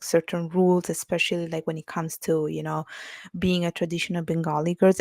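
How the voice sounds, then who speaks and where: A woman from Italy speaks English with an Italian accent, her voice lowish and gravelly with plenty of fry. She talks as an interview guest in a reflective, unhurried way, leaning on little fillers as she thinks. The sound is close and dry. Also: darkish tone, dry recording. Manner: reflective, with many fillers like "you know" and "like". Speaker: author and guest. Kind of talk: casual interview talk.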